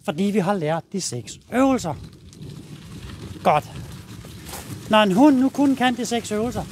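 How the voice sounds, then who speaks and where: Danish male dog trainer, high-pitched, blunt and casual, outdoor walk-and-talk demo, faint background noise. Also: expressive, darkish tone. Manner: blunt, casual, addresses viewers while walking the dog.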